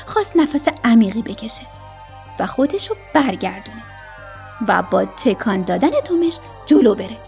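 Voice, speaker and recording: A woman narrating a children's story expressively, sometimes sinking to a whisper at tense moments. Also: high-pitched. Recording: soft music behind the voice.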